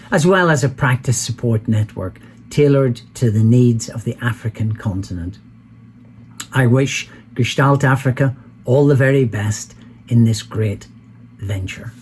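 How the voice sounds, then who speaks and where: An older man, an executive coach, giving a measured, formal message of support. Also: medium pitch, darkish tone, slight background noise. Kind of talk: prepared video message.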